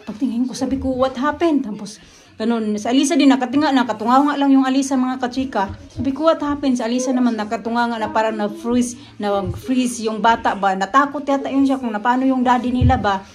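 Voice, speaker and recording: A woman's voice: a little high, quick pace. Chatty woman vlogger from the Philippines. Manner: chatty storytelling, often addresses viewers directly. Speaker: family vlogger. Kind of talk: casual chat to viewers.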